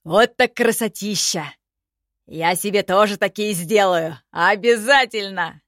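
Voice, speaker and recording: A loud, eager young goblin from a fantasy storybook, played by a woman. He blurts out his excitement at full volume. The recording is close and dry. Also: medium pitch, slow pace, dry recording.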